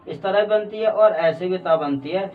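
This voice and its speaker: High-voiced man teaching letter sounds. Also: distant mic, narrow, tinny audio. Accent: Indian Urdu. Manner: patient, repeats letters slowly and loudly. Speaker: Quran reading teacher. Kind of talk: explanatory lesson.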